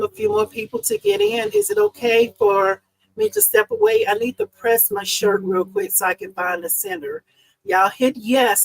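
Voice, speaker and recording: A woman who hosts live-stream chats and owns an embroidery business streams casually from her home craft room, chatty and upbeat as she greets viewers by name. Her high-pitched voice is slightly hoarse because she's losing it. The live-stream setup gives a rough recording.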